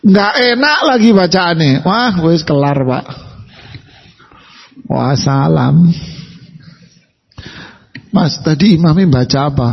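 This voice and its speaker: A man's voice: sits high, gravelly, breathy edge. A man preaching a humorous sermon to a congregation, asking them questions and acting out everyday quotes. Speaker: Islamic preacher. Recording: dull, lo-fi hall recording.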